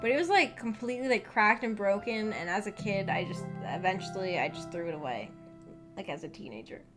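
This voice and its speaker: A livestreamer running a visual novel book club talks to her viewers in a loose, rambling way, hesitant and quick to put herself down. She speaks briskly at a medium pitch with lively intonation, and background music plays throughout.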